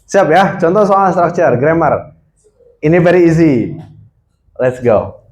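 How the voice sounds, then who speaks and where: This is a young man from leading a college seminar session, speaking into a handheld microphone. His voice sits slightly high for a man. He teaches in an animated, interactive way and keeps quizzing the audience. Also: slow pace.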